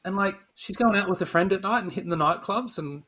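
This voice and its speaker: Talking fast in a high-pitched, pushed, bright voice, a middle-aged film-review podcast co-host offers opinionated, informal chat laced with dry humour.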